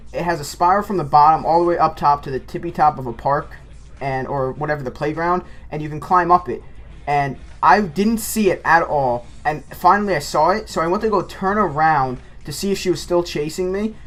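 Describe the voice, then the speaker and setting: Rambling, animated male gameplay commentator with a slightly high voice, telling a casual story.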